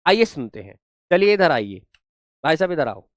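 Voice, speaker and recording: Lively man teaching with a dry sound. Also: on the high side, normal speed, no room sound. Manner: lively, acts out examples in funny voices; coaxing, checks in with students often. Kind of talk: online class lesson.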